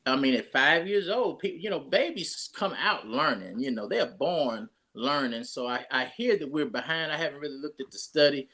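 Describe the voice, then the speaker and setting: A man's voice: a little high, moderate pace, few pauses, bright, forceful tone. A pastor, talking casually and rambling through his introduction of a guest with many restarts.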